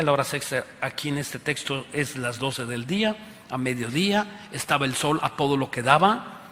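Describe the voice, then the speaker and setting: A man's voice: on the high side, sharp tone. A man with a Mexican accent preaching a sermon as pastor, talking in a conversational way, often asking his listeners rhetorical questions and pleading with emphasis. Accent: Mexican Spanish. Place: church auditorium. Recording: reverberant church hall.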